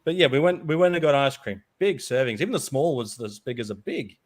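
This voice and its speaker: A man co-hosts a casual podcast chat with an ordinary mid-pitched voice. He tells stories with animated energy and laughs often between lines. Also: a little fast, no room sound, clean studio sound. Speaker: podcast co-host.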